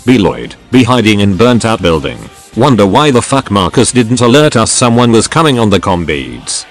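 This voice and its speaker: A man narrates informal first-person stories in a scripted, dramatic way. His voice sits fairly low and moves in very lively contours. Faint music plays behind him. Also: normal speed. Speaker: narrator reading stories aloud.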